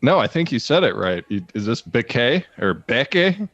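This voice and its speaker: A man's voice: on the low side, sing-song, fast talker, fairly bright tone, dry recording. A man co-hosting a live music show, explaining things in an easygoing, rambling way. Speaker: co-host. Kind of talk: casual live show chat. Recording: dry, dull lo-fi sound.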